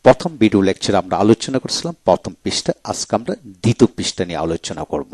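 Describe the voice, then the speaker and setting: Bangladeshi man drilling English words slowly. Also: on the low side, sing-song, darkish tone, husky, no echo. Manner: slow, repeats each word several times. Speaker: English pronunciation teacher. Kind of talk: video lecture reading a word list.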